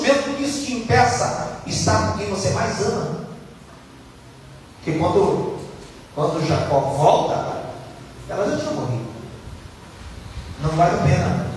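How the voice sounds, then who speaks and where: A male pastor preaching a sermon, acting out Bible figures and swinging between loud and hushed delivery. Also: high-pitched, slight background noise. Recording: echoey hall, voice from far off.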